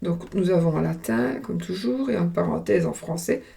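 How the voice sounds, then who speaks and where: A woman's voice: lowish voice, lively intonation, moderate pace, creaky, dark tone, slightly rough. A woman with a regional French accent reading tarot cards in a casual vlog, talking hesitantly while chewing gum. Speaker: tarot card reader.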